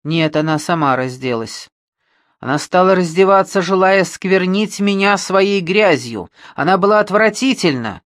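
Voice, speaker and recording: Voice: mid-range voice, animated, no room sound, studio quality, pitched above the performer's own voice, close to an everyday voice. A reader voicing a hysterical male killer, tormented and zealous. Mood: fervent. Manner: shouting, hysterical outbursts; slow, halting, fervent. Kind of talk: audiobook reading.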